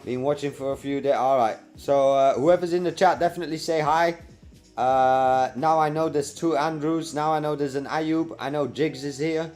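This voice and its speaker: A man's voice: fairly high pitch, moderate pace, soft background music. Chatty man hosting a live stream. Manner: relaxed, chatty, answers viewers by name. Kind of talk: casual live-stream chat reading viewer comments.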